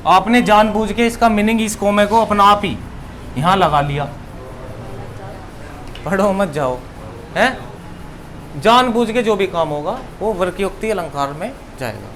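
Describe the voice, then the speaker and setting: A man with a notably high voice teaches an exam-prep grammar lesson. He explains step by step and keeps firing rhetorical questions at the listener. A faint hiss of background noise sits under the recording. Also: moderate pace, a bit bright, rough recording. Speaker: Hindi teacher.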